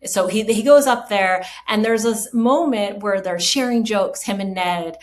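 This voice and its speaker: Woman podcast host, mid-pitched, warm-hearted gusher, casual rambling delivery full of fillers. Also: a little slow. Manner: enthusiastic, rambling with many fillers; emotional, moved by film moments.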